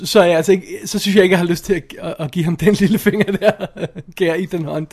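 A man giving blunt, animated opinions in a casual podcast chat, swearing now and then and often restarting his sentences. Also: high voice. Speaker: podcast co-host reviewing films.

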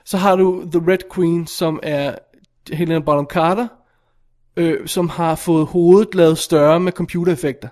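A man in casual film review chat, animated and exasperated as he talks. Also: a little high.

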